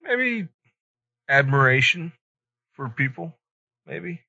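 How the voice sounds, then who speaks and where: A podcast host chats casually but hesitantly, offering brief, tentative replies in short phrases. His voice is slightly high, very animated, slow, gravelly, bright and forceful. The recording sounds dull, dry and lo-fi.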